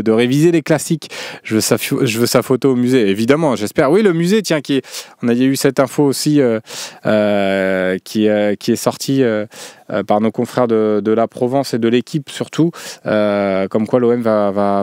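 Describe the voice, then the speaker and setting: A man's voice: mid-range voice, a little mellow, smooth, dry recording, studio quality. A man hosting a live show about a football club, chatting casually with many fillers and restarts. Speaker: show host.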